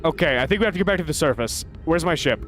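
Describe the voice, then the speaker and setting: Talking very fast in a slightly high, bright, animated voice, a male streamer rambles through a casual gaming stream, swearing in mock outrage at chat before muttering to himself as he plays. Soft music plays in the background.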